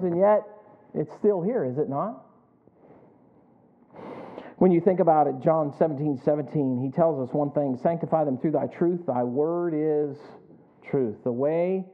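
Male pastor, 50s, call-and-response sermon style, tinny narrow-band recording. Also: on the high side. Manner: call-and-response preaching with chuckles. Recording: tinny phone-like audio.

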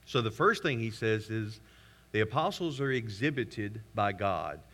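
A man's voice: lowish voice, lively intonation, a little slow, a bit bright. A man preaching a sermon as pastor, reading scripture aloud with pointed sarcastic emphasis. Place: church sanctuary. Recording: reverberant church hall.

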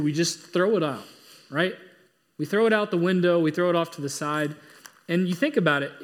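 A man with a high voice delivering a sermon as a pastor. He preaches earnestly and with emphasis, repeating his key points to drive them home. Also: a bit bright.

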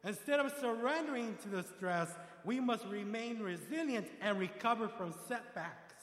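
A man preaching a sermon, building from calm storytelling to loud, emphatic passages and acting out voices. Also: high voice, normal speed. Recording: echoey hall with long reverb.

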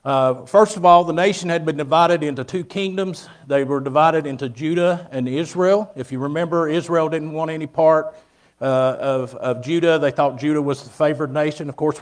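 A man giving an informal sermon and Bible lesson at a pulpit microphone in a church sanctuary. He speaks plainly, with many fillers and restarts. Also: a little high. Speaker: guest preacher.

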